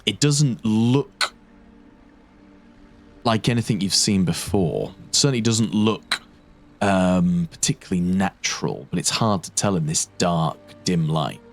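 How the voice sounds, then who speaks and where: A man narrating a tabletop role-playing game as game master, describing scenes deliberately and sometimes correcting himself. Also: sits low.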